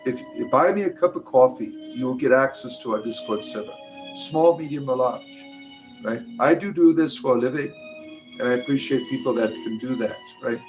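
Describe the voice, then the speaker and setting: This livestream host, a man in his late forties, rambles loosely while reading out viewer comments and often tags his sentences with "right?" His voice is medium-pitched and moderately paced, heard over music in a rough recording.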